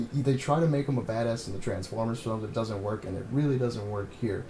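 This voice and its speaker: A man's voice: lowish voice, a little fast, warm tone. Blunt rambling male movie reviewer. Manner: blunt, rambling, lots of "you know". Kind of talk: casual movie review vlog. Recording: echoey room, faint hum.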